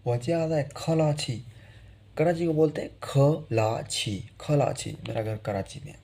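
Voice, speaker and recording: Teaching an online language lesson, a man slowly repeats each phrase so learners can drill it. His voice is medium-pitched, creaky, and mellow.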